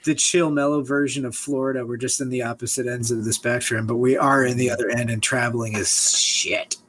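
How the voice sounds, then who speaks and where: A man's voice: medium pitch, level tone, fairly quick, fairly bright tone, a little hiss or hum. A man in his thirties, a podcast co-host, talking in a rambling, hesitant way with many restarts in casual group chat. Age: 30s.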